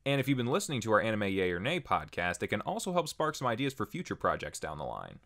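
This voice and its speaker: A channel host and video creator with a somewhat low voice records a casual, scripted update for his viewers, tossing in wry asides. He talks quickly, and his pitch moves around a lot, giving the delivery an animated swing.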